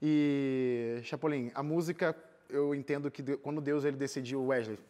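Seated in a TV studio, this interview guest, a young singer and missionary volunteer with a Brazilian accent, shares personal anecdotes in a relaxed, lively way. He speaks at a normal speed in a mellow, mid-range voice with a steady tone.

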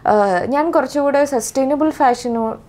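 A young actress with a Malayali accent, answering interview questions thoughtfully and hesitantly, with many fillers and restarts. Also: female voice, high voice, unhurried, darkish tone. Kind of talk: casual interview.

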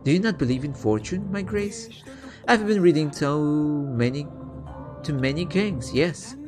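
A man's voice: fairly high pitch, expressive, measured pace, over music. A man voicing an ingratiating fortune teller woman from a video game, with mystical, coaxing patter. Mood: coaxing, courteous. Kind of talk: reading game dialogue aloud in character.

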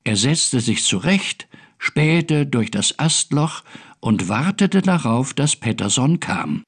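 A male storyteller reads a children's tale in a game, gently and expressively. His pace is slow, his pitch moves a lot, and his voice has a gravelly texture. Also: big pitch swings. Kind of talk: scripted story narration.

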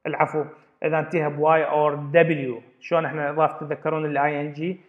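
A man's voice: fairly high pitch, little pitch movement, quick pace. A man teaching an English grammar lesson, explaining step by step and repeating words as he goes. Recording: dull lo-fi recording.

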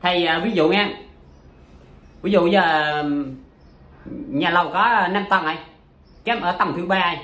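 Chatty poetry teacher. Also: male voice, sits high, moderate pace, pauses often, pushed and bright, echoey room. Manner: chatty, explains with many examples and fillers. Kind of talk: casual spoken lesson.

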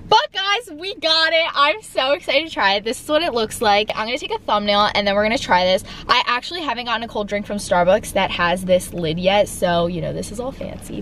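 A woman's voice: fairly high pitch, a bit bright, a little hiss or hum. A young woman chatting casually to her camera from inside a car, with lots of "like". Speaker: vlogger. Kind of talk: casual vlog chat. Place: in a parked car. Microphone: phone camera on dashboard.

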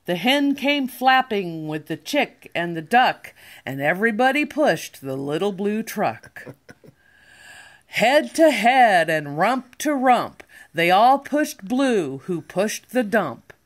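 An older woman reads a picture book aloud like a sweet grandmother. Her delivery is very slow and deliberate, with lively swings of pitch and playful emphasis on the words. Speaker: grandmother reading to a child. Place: living room, indoors.

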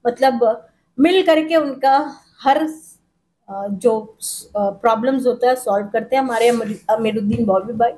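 A middle-aged woman who owns a salon and works as a makeup artist gives an on-camera interview into a handheld reporter mic. Her mellow, slightly high voice is hesitant, full of pauses and fillers, in an indoor salon with tiled walls.

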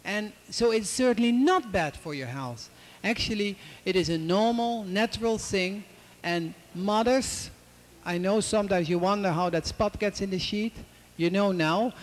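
A man's voice: high voice, lively intonation, unhurried. A middle-aged man, a doctor, speaking frankly into a handheld mic in front of a studio audience. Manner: frank, plain-spoken, instructive. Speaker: doctor answering audience questions. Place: indoor TV studio with seated audience.

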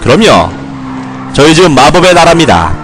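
Playing a game, a young man jokes with his viewers and himself, scolding the characters in playful mock fury. His voice is on the high side and a bit bright, with wide pitch swings and a brisk pace. There's a little hiss or hum in the recording.

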